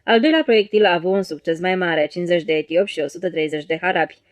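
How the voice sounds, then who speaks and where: A woman's voice: on the low side, no room sound. Woman narrating an audiobook. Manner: steady storytelling read. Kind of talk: scripted narration.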